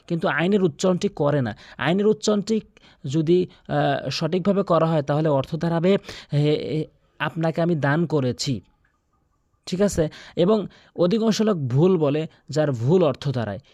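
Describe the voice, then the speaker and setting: Guy teaching recitation rules, fairly high voice, dry close sound, repeats each sound slowly. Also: dark tone, no echo. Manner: explains rules step by step, repeats sounds for practice. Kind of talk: tutorial lesson with recitation examples.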